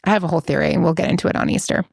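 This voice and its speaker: A woman's voice: deep voice, rapid-fire, creaky, a little mellow, breathy edge, dry recording, studio quality. A woman co-hosting a podcast in casual chat, playful and teasing, swearing freely. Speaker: podcast co-host.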